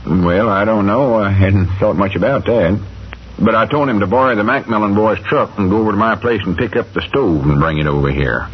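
An actor playing a folksy, easygoing small-town storekeeper with a rural Southern accent in an old radio comedy. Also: male voice, on the low side, fairly quick, breathy edge. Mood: musing. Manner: homespun country talk. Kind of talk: 1940s radio comedy-drama acting. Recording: dull, noisy old radio recording.

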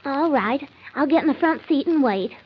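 High-voiced, nervous prim wife, old radio. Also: female voice, animated, normal speed. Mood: nervous, fretful. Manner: fretful, earnest, insistent. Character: prim, nervous, stubbornly clinging wife Sally. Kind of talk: old-time radio comedy acting. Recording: dull, lo-fi old radio recording.

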